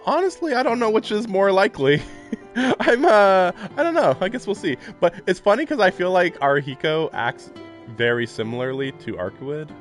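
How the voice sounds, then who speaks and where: Reading a visual novel's narration aloud on stream, a man adds casual, rambling, amused asides. His voice sits high and animated at a normal speed, set against background video game music.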